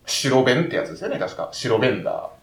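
A man with a Kansai accent in casual chat, polite and full of quick agreeing backchannels. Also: mid-range voice, big pitch swings. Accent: Kansai Japanese. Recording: roomy echo.

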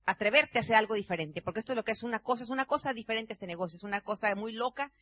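A middle-aged woman tells a story on stage at a business seminar, acting out voices and often shouting. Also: on the high side, racing. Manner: animated, acts out quotes, often shouts. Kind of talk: motivational storytelling talk.

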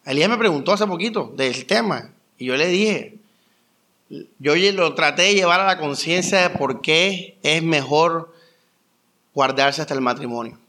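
Young pastor guy, chatty sermon, storytelling, kinda high bright voice. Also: a little slow. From Colombia. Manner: animated storytelling with rhetorical questions. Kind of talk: conversational sermon.

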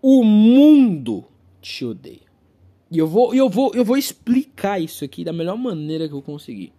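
A man's voice: on the high side, animated, a little fast, mellow. A young Brazilian man with a Brazilian accent, delivering a profane comic rant monologue. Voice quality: profane, ranting.

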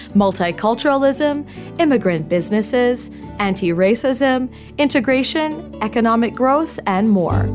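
A woman reading a scripted radio program promo as announcer. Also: mid-range voice. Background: faint music.

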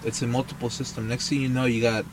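A man's voice: mid-range voice, level tone, fast, noisy background. Sarcastic, swearing man in casual chat. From Mexico. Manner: joking, sarcastic, swears a lot.

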